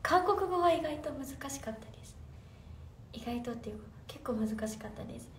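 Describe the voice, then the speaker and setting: A woman's voice: sits high, lively intonation, brisk, far from the mic. A young woman idol chatting casually on a livestream, reading fan comments aloud and answering them with giggles. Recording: roomy echo, off-mic, faint room noise.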